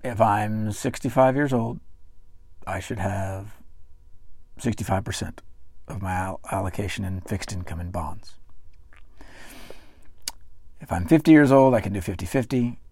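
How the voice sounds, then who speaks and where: A man's voice: lowish voice, unhurried, long pauses, a little mellow, no echo. A man hosting a finance podcast in a conversational manner, reading out news articles and speaking straight to the listener. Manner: conversational, reads quotes aloud and talks straight to the listener. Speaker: finance show host.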